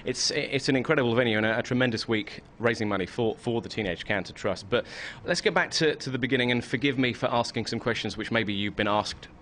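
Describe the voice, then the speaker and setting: A man hosts a radio interview backstage at a concert. His pitch sits in the middle and he talks in a chatty, easy way with a few restarts. A faint hum of ambience sits behind him. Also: quick pace, hardly any pauses, a bit bright. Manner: chatty, laughs easily, some restarts. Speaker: radio host.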